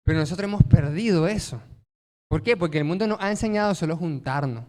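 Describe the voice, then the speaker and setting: A pastor delivers a sermon to his congregation. His voice sits high for a man, and he leans hard on key words. He keeps asking the room questions and answering them himself. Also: fast, darkish tone, long reverb tail. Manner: emphatic, asks rhetorical questions and answers them.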